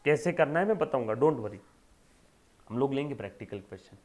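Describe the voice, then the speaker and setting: A man's voice: mid-range voice, lively intonation, fairly quick, darkish tone. A male accountancy lecturer giving an emphatic classroom lecture, checking in with rhetorical questions and fondly addressing students as children.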